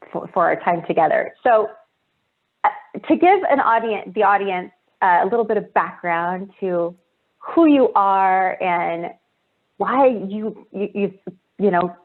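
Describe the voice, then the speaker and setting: A woman hosting an online interview over a video call, speaking in an effusive, complimentary way. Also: mid-range voice. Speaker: host. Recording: phone-like narrow sound.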